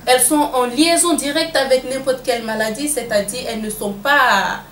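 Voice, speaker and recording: A woman's voice: high voice, moderate pace, a bit bright. A woman with a Malian French accent answering interview questions in an earnest, emphatic way, repeating phrases for weight. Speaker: interview guest. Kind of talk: interview answers on women in politics. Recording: echoey room with faint background noise.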